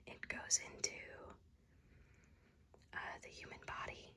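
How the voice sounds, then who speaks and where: A woman speaking in a soft, breathy, unvoiced library whisper, showing things unhurriedly in an ASMR style. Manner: soft, hushed, unhurried show-and-tell. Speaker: ASMR creator giving a bookshelf tour.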